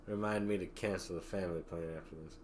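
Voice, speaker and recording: A man's voice: sits low, fairly even intonation, fast, crowd noise. A man co-hosting a casual post-show podcast chat, laughing often, swearing and slipping into mock-angry quoted voices. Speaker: podcast co-host.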